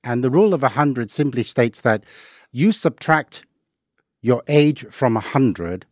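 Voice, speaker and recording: A man's voice: mid-range voice, lively intonation, unhurried, no room sound, clean studio sound. A middle-aged man from Hong Kong, a guest on a finance podcast, explaining rules of thumb patiently with worked examples. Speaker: investing guest. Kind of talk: podcast interview.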